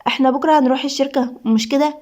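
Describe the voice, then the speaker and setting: A woman with an Egyptian accent voicing a polite young woman who talks gently with a smile. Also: high-pitched, steady tone, racing, natural voice. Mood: pleasant. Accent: Egyptian Arabic. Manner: gentle, smiling.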